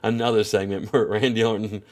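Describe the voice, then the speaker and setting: This stuffy-nosed man keeps his lowish, darkish voice level and brisk as he chats his way through a wrestling game. His commentary wanders, crammed with "you know" and "at the end of the day."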